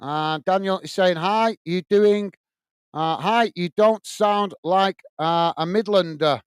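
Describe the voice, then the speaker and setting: Speaking slowly in a high, clean-toned voice, a Lancashire-accented Bolton man commentates live on a football match for a watch-along and chats with viewers, dropping "uh" fillers and calling them "mate." He uses earphones and a desk mic, and the sound is clean studio quality with no room sound.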